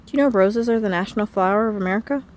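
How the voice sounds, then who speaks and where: A woman's voice: medium pitch, a little mellow. A young woman from West Virginia chatting casually and rambling on while filming a walk through a windy garden. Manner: rambling, chatty, quick laughs. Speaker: vlogger. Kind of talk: casual walking vlog chat. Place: outdoors in a windy botanical garden.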